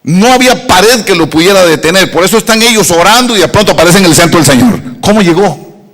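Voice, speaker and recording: A man's voice: high voice, animated, fast talker, fairly bright tone. A middle-aged man from Rica, preaching a sermon with emphatic repeated rhetorical questions. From Costa Rica. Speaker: pastor. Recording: echoey hall reverb.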